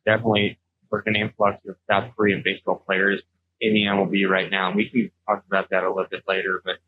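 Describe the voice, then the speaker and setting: A man's voice: sits low, monotone, fast, phone-quality sound. A man hosting an interview podcast, friendly and upbeat, with frequent ums. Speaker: podcast host.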